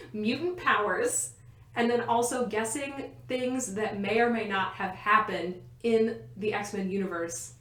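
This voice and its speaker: A young woman co-hosts a casual podcast from her bedroom, rambling happily and laughing through her sentences. Her voice sits at an ordinary pitch, and the room around her gives it a noticeable echo. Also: a bit bright. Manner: giggly, rambling, often laughing mid-sentence. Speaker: podcast co-host. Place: a bedroom at home.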